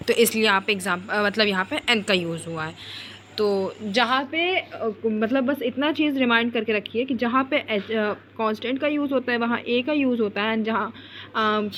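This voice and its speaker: A woman teaches grammar in an online lesson, her voice bright and fairly high. She repeats words as she explains and stops to restart herself. A faint hum sits underneath the recording. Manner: repeats words to explain, many fillers and restarts, mixes English into Hindi.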